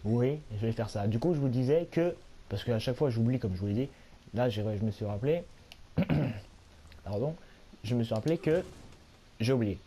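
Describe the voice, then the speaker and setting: A hoarse young man, a little sick, giving rambling, self-mocking commentary while he plays a video game at home. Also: medium pitch, lively intonation, moderate pace, pauses often, mellow, a little hiss or hum. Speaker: gaming YouTuber. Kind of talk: casual let's-play commentary.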